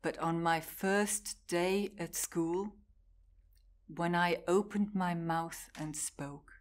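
A woman giving a prepared personal talk, telling her story in measured, deliberate short phrases. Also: sits low.

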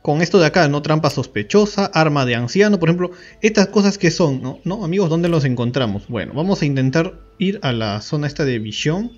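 A man's voice: a little high, lively intonation, fairly quick, few pauses, muffled recording. Man explaining a mobile game tutorial. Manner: explanatory, repeatedly checks in with "¿ok?". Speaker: gaming YouTuber.

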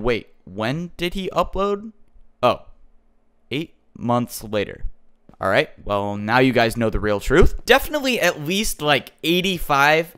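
A man's voice: mid-range voice, fairly bright tone, clean tone. A man hosting a casual vlog, telling a story in a joking, mock-defensive, chatty way. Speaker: YouTuber host.

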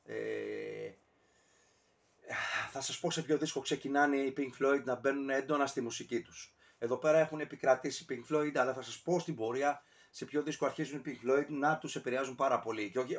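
Rambling man with filler-heavy talk. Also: mid-range voice. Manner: rambling, digressive, with many fillers and self-corrections. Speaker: music reviewer. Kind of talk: casual album-ranking video talk.

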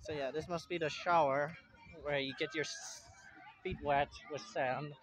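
With a fairly high, somewhat bright voice and fairly even intonation, a young Puerto Rican vlogger chats casually on a beach vlog. He carries his phone as he walks through an outdoor beach park and in and out of a tent, rambling unhurriedly and speaking plainly. His phone records dull, lo-fi audio.

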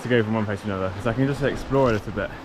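A man's voice: lowish voice, rapid-fire, noisy background. Young man vlogging outdoors on a bike trip. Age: young adult. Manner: chatty, rambling, self-correcting. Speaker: cycle touring vlogger. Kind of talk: casual vlog to camera. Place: outdoors on a sunny coastal path. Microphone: action camera at arm's length.

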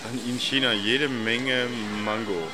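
Slow-talking man filming in a supermarket. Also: medium pitch. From Germany. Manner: relaxed, unhurried, commenting as he walks. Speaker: vlogger. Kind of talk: handheld shop tour narration. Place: large supermarket indoors. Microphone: handheld camera mic. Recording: loud store noise behind. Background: supermarket bustle.

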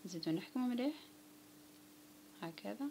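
A woman with an Algerian Arabic accent giving a calm step-by-step crochet tutorial, often dropping to a near whisper. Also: medium pitch, moderate pace. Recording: home recording with clear background noise.

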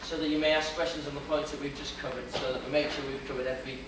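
In an echoey lecture hall with a projection screen, a young Welsh-accented man races through a theatrical, joking history talk for an audience. His voice is mid-range with a flat delivery. A far-off camera recorded this noisy old video.

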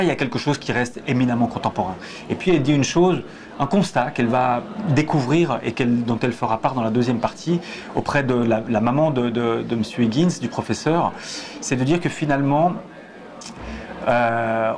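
Background noise surrounds this mid-range male voice, mostly busy crowd chatter in a theatre auditorium. The speaker, a stage director in his forties in a box seat wearing a lapel mic, answers interview questions thoughtfully yet hesitantly, with many restarts and gestures as he talks.

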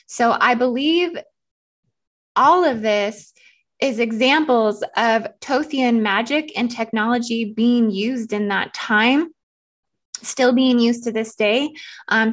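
A woman hosting her own spiritual video channel, talking quickly and excitedly with lots of ums. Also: a little high. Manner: rapid, excited, many ums. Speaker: channel host. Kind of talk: casual spiritual vlog talk.

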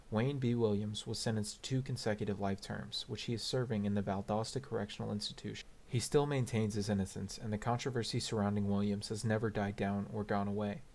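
Low voiced guy reading an audiobook, steady and measured. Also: creaky. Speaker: audiobook reader. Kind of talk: audiobook narration.

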